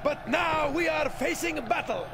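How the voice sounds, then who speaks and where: An actor playing a male army general who gives a rousing, shouted speech to his troops before battle in a video game. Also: extremely high pitch, a little slow. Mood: rousing, defiant. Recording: loud battle crowd and noise.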